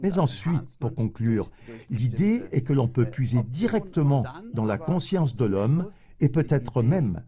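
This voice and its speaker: A man voicing an interview guest's answers in a measured, explanatory way. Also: medium pitch, very animated, mellow.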